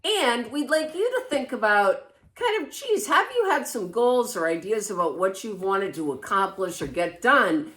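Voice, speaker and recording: A woman with a lively, wide-ranging voice speaks in an encouraging way, often chiming in with quick affirmations. Her talk is casual and warm in manner, and it moves freely up and down. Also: mid-range voice. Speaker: podcast co-host. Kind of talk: casual supportive chat.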